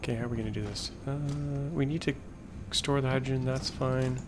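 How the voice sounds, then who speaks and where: A man hosting a gameplay video thinks aloud through a factory-building game in casual let's-play commentary, musing over his production lines and saying he is losing his voice. His medium-pitched voice is steady and a little fast, against a noisy background.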